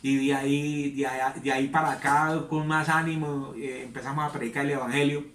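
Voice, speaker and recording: A man's voice: mid-range voice, level tone, brisk, fairly bright tone, slight background noise. A man, a pastor, telling his testimony in an earnest, rambling way. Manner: earnest, rambling storytelling with repetitions. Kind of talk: preaching testimony. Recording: echoey room, distant mic.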